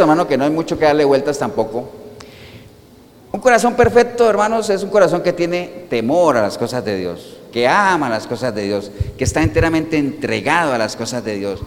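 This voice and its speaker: Preacher, male, fairly high voice, lively sermon delivery full of rhetorical questions, long church-hall reverb. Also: normal speed. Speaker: pastor.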